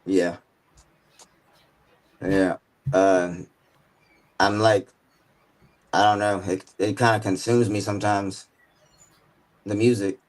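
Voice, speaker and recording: A man's voice: lowish voice, flat delivery, takes it slowly, pauses often, rough recording. A man in his mid-twenties talking about his music as a guest, rambling and slangy with lots of filler words. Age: 20s. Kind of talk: casual chat.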